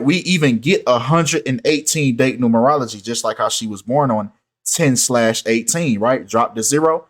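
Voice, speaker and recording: A man with a mid-range voice speaks in an animated, insistent way in a casual commentary video, repeatedly saying "right?" and "come on, man."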